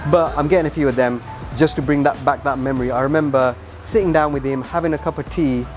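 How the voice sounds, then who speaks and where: A man's voice: fairly high pitch, fairly even intonation, fast, darkish tone. A man hosting a travel and food vlog, chatting casually to viewers on location. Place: on location in busy streets and shops. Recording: music behind, outdoor street sounds. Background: music, traffic and urban sounds.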